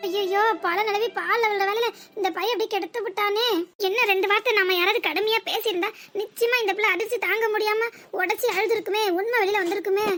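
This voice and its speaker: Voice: very high-pitched, fairly even intonation, fast, pushed and bright. A performer voicing a worried village mother-in-law in a cartoon, with a southern Tamil Nadu accent, musing fretfully to herself. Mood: fretting. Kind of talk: cartoon voice acting.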